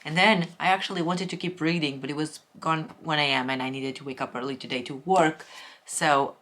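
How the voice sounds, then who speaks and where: A woman vlogging about books in a casual chat, candid and opinionated, with lively exclamations. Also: low-pitched, fairly quick. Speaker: book vlogger. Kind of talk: casual book review vlog.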